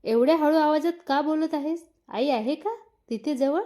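A woman's voice: high voice, normal speed, mellow, pitched above the performer's own voice, lightly acted. A woman voicing a teasing, eager young husband, playful and insistent, in a read-aloud story.

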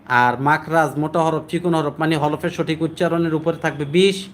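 Man as a Quran recitation teacher, fairly high voice, explains plainly, then chants verses slow and drawn out. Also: fairly even intonation, slight background noise. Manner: explains rules, then chants Arabic verses slowly and higher.

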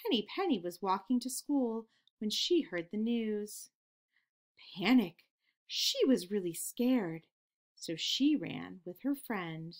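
Woman reading a kids' picture book, slow and very lively up and down. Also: medium pitch. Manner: expressive, storytelling. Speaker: children's program host.

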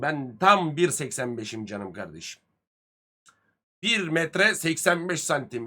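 Male streamer, 30s, a touch high, bright edgy tone, crude swearing banter with chat. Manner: lively, swings loud and soft. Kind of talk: casual live-stream chat with viewers.

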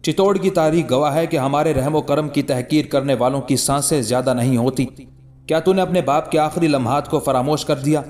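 A man's voice: on the high side, fairly even intonation, brisk, a little mellow, natural voice. A man voicing a proud, furious queen in a read-aloud historical story, haughty and commanding.

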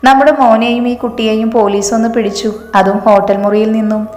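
A woman's voice: fairly high pitch, steady tone, a little fast, darkish tone, close to an everyday voice. A woman reading the lines of a stern, grieving middle-aged father who scolds and commands, in an echoey room with a long reverb.

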